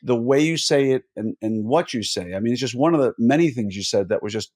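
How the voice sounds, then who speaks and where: A man's voice: mid-range voice, animated, brisk, darkish tone. A man hosting a podcast interview who rambles, corrects himself and jokes as he sets up questions. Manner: rambling, self-correcting, jokey. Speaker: podcast host. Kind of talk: conversational interview.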